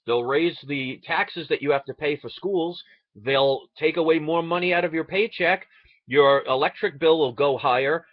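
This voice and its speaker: A man's voice: a little high, moderate pace, no room sound, lo-fi sound. A man from the United States delivering an impassioned, indignant political rant, sarcastic and full of rhetorical questions. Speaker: online video ranter.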